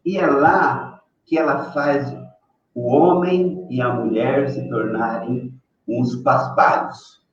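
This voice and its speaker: A man's voice: mid-range voice, slow. An older man talking casually as a professor guest on a live stream, rambling with frequent tag questions and fillers. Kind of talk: casual opinion talk. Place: room on a live video call. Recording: distant, echoey, dull lo-fi sound with faint noise.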